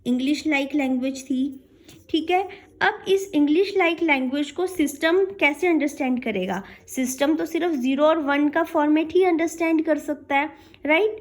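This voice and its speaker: A woman with a high voice gives an explanatory lecture as a programming teacher. She asks and answers her own questions, uses frequent check-in tags, and mixes in English technical terms.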